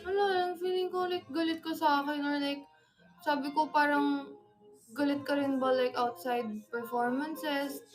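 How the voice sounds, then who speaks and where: High-voiced playful woman. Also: fairly even intonation, measured pace. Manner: playful, acts out both sides of the story with laughter. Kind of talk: casual chat.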